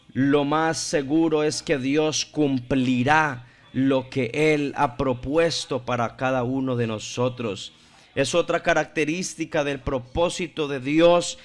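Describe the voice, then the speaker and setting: Guy preaching a sermon, kinda high voice, takes it slow and stretches words out. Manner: slow, deliberate preaching with drawn-out emphasis.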